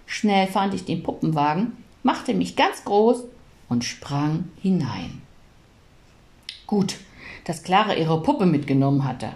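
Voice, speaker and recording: Lively woman reading a storybook. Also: fairly low pitch, takes it slowly. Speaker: audiobook reader.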